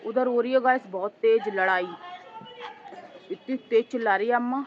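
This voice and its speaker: A woman vlogger with a hoarse, sore throat, chatting casually and rambling to her viewers as she records outdoors on a two-storey house with a handheld phone. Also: fairly high pitch, moderate pace, muffled recording, a little hiss or hum. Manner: rambling, talks straight to viewers as "guys".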